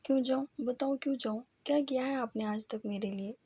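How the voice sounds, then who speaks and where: A woman's voice: a little high, fairly even intonation, a little mellow, husky. A woman voicing a distraught young wife who sobs and accuses in an audio novel. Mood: bitter. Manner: sobbing, accusing.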